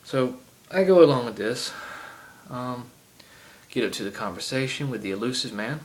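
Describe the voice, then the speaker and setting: A gaming vlogger speaks in a mid-range voice at a moderate pace, his heavy Southern accent carrying a rambling, casual game rant stuffed with ums and side tangents. The iPod camera recording sounds rough.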